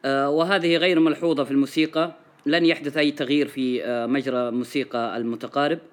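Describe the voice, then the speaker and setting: A man teaching Arabic poetry, explaining the meters and chanting their syllable patterns in a slow, sing-song rhythm, with a Saudi accent. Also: medium pitch, steady tone.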